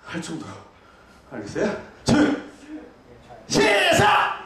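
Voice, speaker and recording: A male pastor preaching a sermon, shouting out dramatic reenactments and urging the congregation to join in. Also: sits high, wildly swooping pitch, takes it slowly, very echoey, recorded from a distance.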